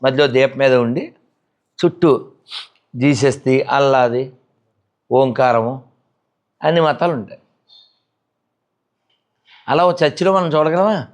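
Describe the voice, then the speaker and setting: A man's voice: mid-range voice, slow pace, long pauses. A man giving a spiritual discourse, scolding his listeners with a stream of rhetorical questions. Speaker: spiritual speaker. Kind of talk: religious discourse.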